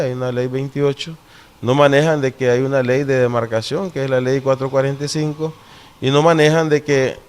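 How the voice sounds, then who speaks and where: A man with a Nicaraguan Caribbean coast Spanish accent, explaining things deliberately in an interview and often checking for agreement with short tag questions. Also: mid-range voice, darkish tone.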